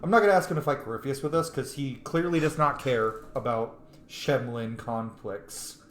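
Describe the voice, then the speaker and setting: This game streamer and role-player has a medium-pitched, slightly bright voice and talks at a moderate pace. His commentary is informal, as he thinks aloud while role-playing and swears now and then. There's roomy echo and faint background noise.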